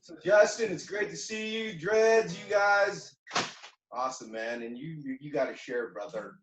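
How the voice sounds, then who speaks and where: Man, exuberant, affectionate, slightly high voice, echoey room, faint noise. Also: moderate pace, far from the mic. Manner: exuberant, affectionate, shouting greetings. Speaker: participant on a video call. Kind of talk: casual excited chat.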